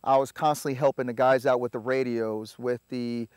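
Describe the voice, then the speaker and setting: A man, a Spanish speaker, telling his story in a relaxed, halting way full of filler sounds. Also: mid-range voice, clear, resonant tone, no echo, clean studio sound. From Puerto Rico. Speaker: army veteran guest. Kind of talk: casual interview storytelling.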